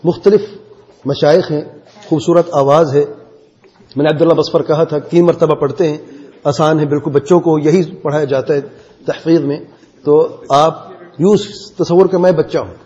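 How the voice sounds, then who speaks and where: Male class teacher, encouraging and explanatory, mellow and fairly high voice, dull recording with long hall reverb. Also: fairly even intonation. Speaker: religious teacher.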